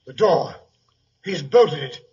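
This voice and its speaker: An actor playing a blustery, anxious doctor sidekick with a British accent, fretful and exclamatory, in old radio drama style. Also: male voice, on the high side, lively intonation, slow, heavy background noise. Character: blustery, grumbling, anxious male doctor, loyal detective's sidekick. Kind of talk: 1940s radio drama acting. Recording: dull distant old radio broadcast.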